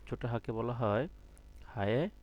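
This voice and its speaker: Patient male Quran teacher, low voice. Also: dull audio. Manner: patient, drills with repeated questions to students; drawn-out letter sounds when demonstrating. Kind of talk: online class teaching Arabic letters.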